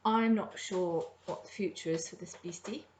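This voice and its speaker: A middle-aged woman with a fairly low voice talks at normal speed over a little hiss or hum. She hosts a crafting podcast from her kitchen at home, rambling casually about her projects in show-and-tell style with many ums.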